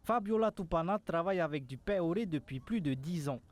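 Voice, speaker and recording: A man reads a scripted TV news voice-over in an even, read-out manner. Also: fairly high pitch, a little fast, a little hiss or hum. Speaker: TV reporter.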